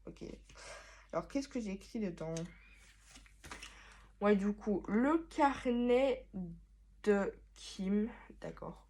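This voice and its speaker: A young woman chatting casually in her bedroom, reading from her old notebooks with a rambling, self-mocking manner and sudden loud exclamations. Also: mid-range voice, expressive, takes it slowly, pauses often. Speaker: vlogger.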